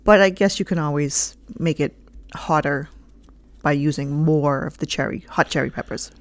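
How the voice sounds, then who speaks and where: A woman co-hosting a food show, explaining dishes in a calm, matter-of-fact way. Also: low-pitched, normal speed, dry recording. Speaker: co-host and cook. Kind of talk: casual chat.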